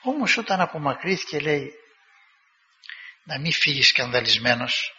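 Bright-voiced preacher telling a story. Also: male voice, on the high side, a little hiss or hum. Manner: lively storytelling, acting out quoted dialogue in a raised voice. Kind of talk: sermon. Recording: dull recording with long hall reverb.

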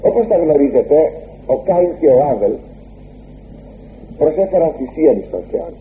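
A man preaching a sermon, retelling a scripture story with lively, swooping emphasis and repeated exclamations. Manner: animated, swooping pitch on emphasis. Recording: tinny phone-like recording with faint hum.

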